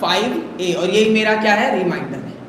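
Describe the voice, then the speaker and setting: A man's voice: high-pitched, animated, normal speed, fairly bright tone, a little hiss or hum. A male math teacher giving a live online lesson, coaxing students with rhetorical questions and calling them "beta". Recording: very echoey room, faint ambience.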